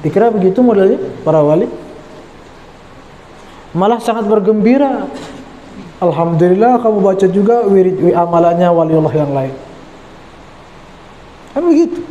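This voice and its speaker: A man's voice: a little high, mellow, slight background noise. A man teaching an Islamic study lecture in a prayer hall, telling stories animatedly and acting out the voices in quoted dialogue. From Indonesia. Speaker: religious teacher. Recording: roomy echoing prayer hall.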